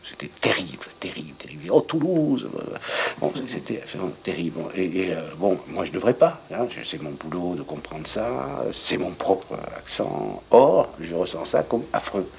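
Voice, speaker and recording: Deep-voiced older man thinking aloud. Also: lively intonation, creaky, a little mellow, slight background noise. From southwest France. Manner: halting, thinking aloud with frequent restarts. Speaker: interviewee. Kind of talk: reflective interview talk.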